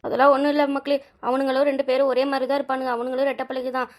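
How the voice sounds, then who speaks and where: A woman's voice: high voice, flat delivery, rapid-fire, close to an everyday voice. A woman voicing a sorrowful old village grandmother who talks in a plaintive, complaining way.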